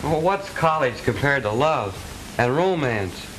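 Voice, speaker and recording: A man's voice: medium pitch, lively intonation, unhurried, a bit bright, poor audio. Stagey lovestruck college boy. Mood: melodramatic. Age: young adult. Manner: florid, declamatory, stagey old movie delivery. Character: lovestruck, earnest, melodramatic college-boy son. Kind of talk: stagey 1920s early-talkie comedy film acting. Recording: hissy 1920s film soundtrack.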